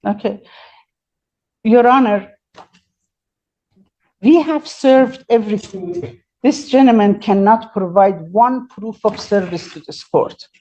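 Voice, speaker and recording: A woman's voice: mid-range voice, takes it slowly, pauses often, mellow, dull audio. A woman representing herself in court, pleading her case insistently and formally to the judge. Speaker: self-represented defendant. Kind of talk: courtroom argument.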